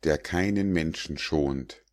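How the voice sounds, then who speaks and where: Man doing big sneering giant, deep and slow, storybook fable. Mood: mocking. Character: huge mocking male giant, greedy.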